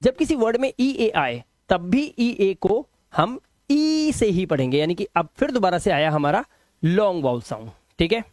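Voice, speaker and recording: A man teaching English phonics rules, saying sample words slowly and repeating them, and asking his students whether they follow. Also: high-pitched, big pitch swings, a little mellow, no echo, studio quality. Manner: explains patiently, repeats words slowly and asks checking questions. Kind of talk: classroom phonics lesson.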